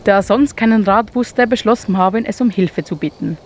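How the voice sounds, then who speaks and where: A woman reading a children's animal story aloud in a calm, inviting, measured way. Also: mid-range voice.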